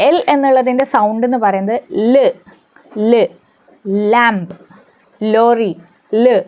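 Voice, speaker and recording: A woman teaching English letter sounds, asking questions and answering them herself, repeating example words slowly. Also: on the high side, highs cut off. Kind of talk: phonics lesson.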